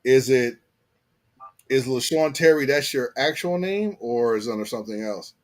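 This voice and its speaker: A man's voice: medium pitch, moderate pace. Slangy American man hosting a live stream. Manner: slangy, repeats phrases for emphasis. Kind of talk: casual live chat.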